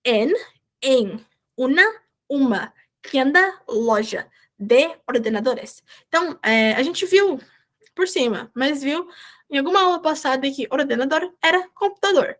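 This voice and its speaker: A woman's voice: high-pitched, animated, unhurried. A woman, a volunteer teacher, explaining Spanish vocabulary in an online class and checking in with her students often. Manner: explains patiently, checks in with "certo?".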